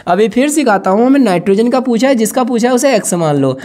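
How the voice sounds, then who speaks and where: A man teaching an exam-prep class with a mellow, relaxed tone. He explains in a chatty way, asking questions aloud and answering them himself. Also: very high-pitched, quick pace. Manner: conversational, asks and answers his own questions; calls listeners "bhaiya".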